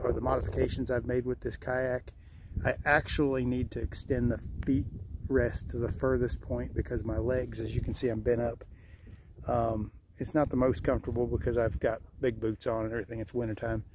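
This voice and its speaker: A vlogger fishing from a kayak talks at a middle pitch in a casual first-person video, chatty and rambling, trailing off into fillers and restarting sentences. He's recorded outdoors on a body-worn point-of-view action camera, with clear background noise running underneath throughout.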